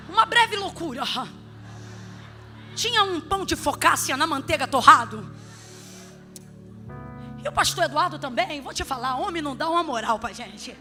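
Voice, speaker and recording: A woman pastor preaching a sermon in church, switching between emphatic shouting and humorous, chatty asides. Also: very high voice. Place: church sanctuary.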